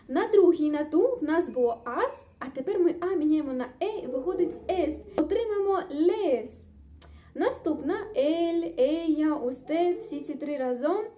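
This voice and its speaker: A woman's voice: sits high, dark tone. A woman tutor teaching a grammar lesson, explaining step by step in an upbeat, encouraging way. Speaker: Spanish tutor.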